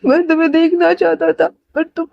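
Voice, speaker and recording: A woman's voice: sits high, steady tone, unhurried, lo-fi sound. A woman voicing a tender young man who pleads and cries for his lover in an emotional storybook reading. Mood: pleading. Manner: emotional, pleading, often tearful.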